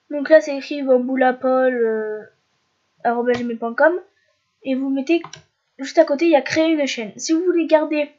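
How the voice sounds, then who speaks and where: A young French woman, stuffy with a head cold, talks through a screen-recorded tutorial as a YouTuber. Her high, somewhat dark voice stumbles, with pauses on fillers and restarted sentences. The home mic gives a dull, lo-fi sound.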